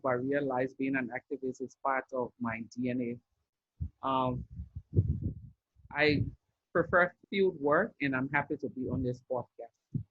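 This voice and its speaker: Woman guest, activist, husky and measured, dull dry remote audio. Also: extremely low pitch, no echo. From Liberia. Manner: earnest, measured, with thoughtful pauses and restarts. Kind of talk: reflective podcast storytelling.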